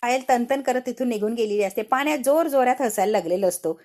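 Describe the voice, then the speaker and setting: A woman recapping a TV serial episode in an animated storytelling style, acting out the characters' lines as she narrates. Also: a little high, fast. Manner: animated, switches between narration and acted-out lines.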